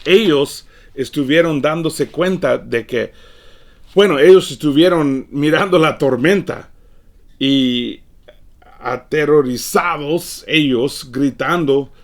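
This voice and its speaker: A man preaching a sermon in a conversational, way. He repeats words often and moves from quiet asides to raised, emphatic lines. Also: medium pitch, gravelly. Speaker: pastor. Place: church or studio, livestreamed.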